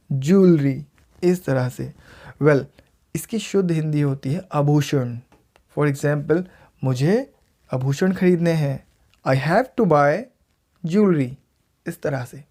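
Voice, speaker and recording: A man with an Indian English accent, a teacher, gives a casual video lesson in pronunciation and says each word slowly and clearly more than once. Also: fairly high pitch, mellow. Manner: repeats words slowly and clearly for learners.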